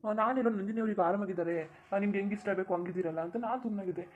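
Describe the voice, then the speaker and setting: A performer doing a young husband in a cartoon who keeps reassuring his wife in a soothing way. He speaks very fast at a mid pitch. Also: a little mellow, highs cut off, a little hiss or hum, lightly acted. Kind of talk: cartoon voice acting.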